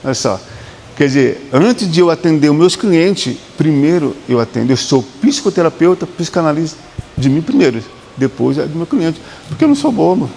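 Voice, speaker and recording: A man with a Brazilian Portuguese accent speaks as a psychotherapist, repeating his points in a preaching rhythm. His voice sits a little high and has a gravelly edge. The room adds a lingering reverb over faint background noise. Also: big pitch swings, normal speed, dark tone. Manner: emphatic, repetitive preaching cadence with quoted dialogue. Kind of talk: motivational talk.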